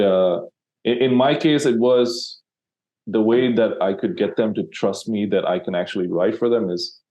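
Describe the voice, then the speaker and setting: A man's voice: on the low side, dark tone. A man from Sri Lanka, a copywriter guest in an interview, talking casually with many fillers and restarts.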